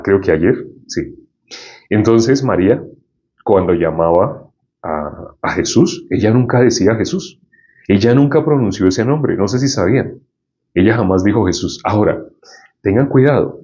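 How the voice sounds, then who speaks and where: Low-voiced man teaching a Bible lesson. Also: dark tone, dull audio. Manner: conversational, often asks the listeners questions. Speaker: preacher.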